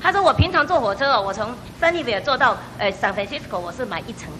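A middle-aged woman gives a church testimony at a quick clip, with a bright, sharp tone. She tells her story with animated storytelling, slipping into the voices of the people she quotes, over a faint low rumble. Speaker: church member giving testimony. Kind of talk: personal testimony.

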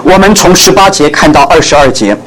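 An older man, a pastor, preaching through humorous personal stories and pausing for an interpreter. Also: fairly high pitch, animated, a bit bright, poor audio. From born in Guangdong, raised in Shanghai, later Taiwan.

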